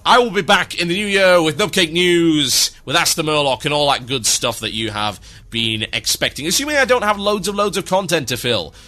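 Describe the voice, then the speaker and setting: A man hosting an online radio show, rattling off listener shout-outs with dry sarcasm and mock grandeur. His voice is fairly high and bright, and it swings widely up and down in pitch. Soft music plays underneath. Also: animated, fairly quick.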